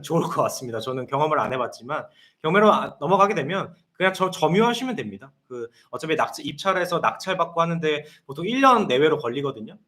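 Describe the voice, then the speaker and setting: A man's voice: fairly high pitch, fairly bright tone. A man in his thirties, a consultant answering viewer questions on a live stream in an explanatory way. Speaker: guest consultant.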